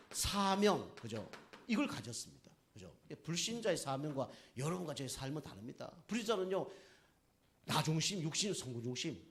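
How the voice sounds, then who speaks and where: A middle-aged male pastor delivers a sermon in a lively, conversational way and keeps turning to the congregation with short questions. His voice sits a little high for a man and swings widely in pitch as he makes his points. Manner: lively preaching, constantly asking the congregation "right?".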